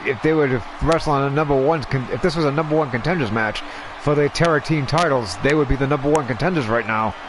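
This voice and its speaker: An easygoing male co-commentator chiming in on wrestling matches with a relaxed, laughing manner. His voice sits at a middle pitch. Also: fast talker, background noise. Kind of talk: color commentary on a game stream.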